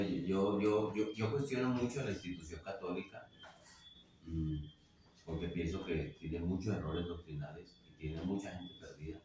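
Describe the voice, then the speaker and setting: A lowish male voice delivers a sermon in a church hall, often checking in with the congregation. He is from Colombia. The sound is distant and strongly echoey, with faint background noise. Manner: frequent questioning "¿sí?" to congregation. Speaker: preacher. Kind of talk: sermon with personal story.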